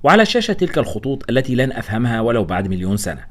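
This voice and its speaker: A man narrating a novel in the first person for an audiobook, wry and expressive. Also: mid-range voice, racing.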